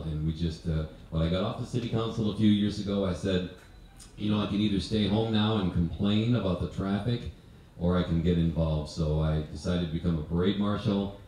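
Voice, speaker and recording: A man's voice: sits low, mellow. An older American man giving informal, chatty, good-humored remarks to an audience on a handheld microphone. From United States. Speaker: competition judge giving introduction. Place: event tent with seated audience. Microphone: handheld stage microphone. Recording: very echoey, distant, slight audience noise.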